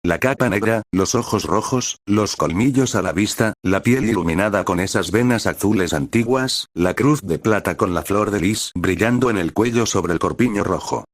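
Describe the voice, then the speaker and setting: A man reading a dramatic story as scripted narration, in a measured manner. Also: on the low side, no echo, studio quality.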